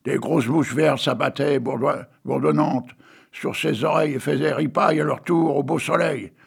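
A man's voice: a little high, normal speed, creaky, breathy edge. An older man reading a tale and poems aloud in a theatrical way, breaking off for wry joking asides. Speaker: reader.

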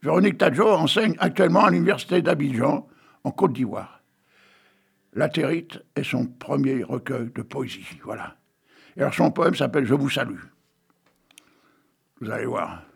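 A man's voice: on the high side, animated, moderate pace, vocal fry, slightly rough. An older man reading a tale and poems aloud in a theatrical way, breaking off for wry joking asides. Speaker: reader.

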